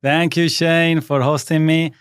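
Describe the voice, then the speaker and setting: This man's voice runs a bit high, smooth and level, with a slightly slow delivery and no echo. In his thirties and from Italy, he speaks with an Italian accent, Italian being his native tongue. He's a skincare brand founder chatting as a studio interview guest, recounting his story earnestly and at length.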